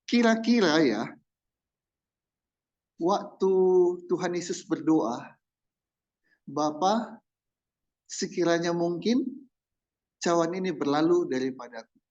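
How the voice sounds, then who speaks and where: Slow-talking pastor with a dull recording. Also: male voice, a little high. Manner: animated, mimics loud demanding prayers with laughter. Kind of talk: sermon.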